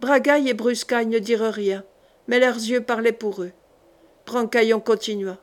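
A woman reading a historical novel aloud as an audiobook, measured and steady. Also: fairly high pitch. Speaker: audiobook reader. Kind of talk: scripted narration of a historical novel.

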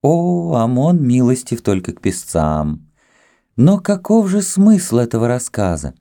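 A man's voice: medium pitch, wildly swooping pitch, a little slow, warm tone, voice pushed up. A man voicing a coy, scheming young priestess with a lilting, haughty manner in an audiobook. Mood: teasing.

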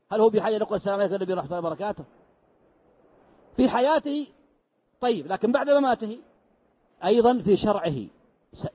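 A man's voice: high voice, slightly rough. A man teaching a mosque lesson, explaining step by step and answering his own rhetorical questions. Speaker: sheikh teaching Quran commentary. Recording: dull lo-fi lesson recording.

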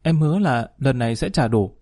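A man's voice: medium pitch, lively intonation, fairly quick, warm tone, lightly acted. A man doing a begging young captive.

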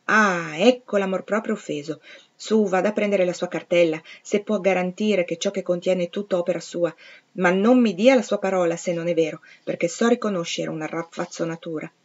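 Rochester, a curt commanding gentleman, read by a woman. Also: fairly low pitch, fairly quick, close to an everyday voice. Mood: brusque. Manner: curt, imperious questioning. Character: brusque commanding middle-aged gentleman. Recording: slightly dull lo-fi recording.

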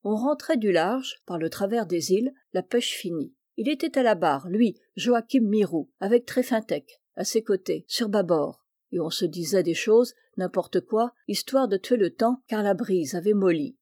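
A woman narrating an audiobook of a classic story with measured, clear storytelling, close to the mic. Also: mid-range voice, expressive, dark tone, no room sound.

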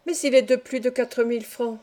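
A poor but honest master mason, as a woman reads him in an audiobook novel, pleading with a proud edge. The voice is a touch high and mellow in tone. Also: fairly even intonation, normal speed, lightly acted. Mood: indignant.

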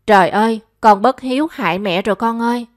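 A nagging, money-minded middle-aged mother from an audio storybook, scolding, as a woman narrator puts her on. Her complaints sound shrill and insistent. The recording is close and dry, with no room sound. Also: normal speed, no room sound, lightly acted. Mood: wailing.

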